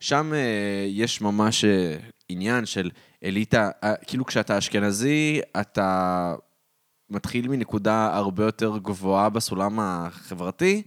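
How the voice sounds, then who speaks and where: An Israeli man with a lowish voice talks casually on a podcast in a dry, close recording. His speech is colloquial and dotted with English words. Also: no echo. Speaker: podcast co-host. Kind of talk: casual conversation.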